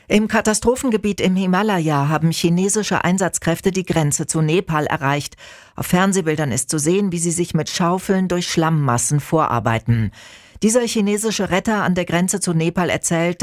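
A woman reading a radio news bulletin in a calm, measured, formal way from a studio. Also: on the low side, no room sound. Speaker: newsreader. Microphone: studio microphone.

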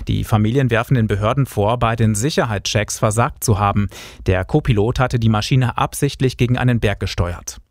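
Steady male radio newsreader, dry studio. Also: fairly low pitch, a little fast, dry recording. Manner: steady, even newsreader delivery. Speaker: regional news presenter. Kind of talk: scripted news reading. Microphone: studio microphone.

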